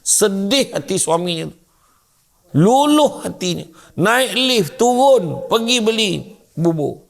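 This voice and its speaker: A man giving a humorous religious lecture, telling comic stories in an animated way. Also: sits high. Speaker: preacher. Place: mosque lecture hall.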